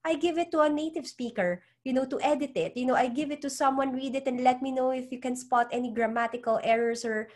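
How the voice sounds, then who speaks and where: Speaking fast with few pauses, this woman has a high voice with a darkish tone and steady delivery. English is not her first language; she's a psychologist and author coach advising as an interview guest. Earnest, she often repeats words while finding her phrasing.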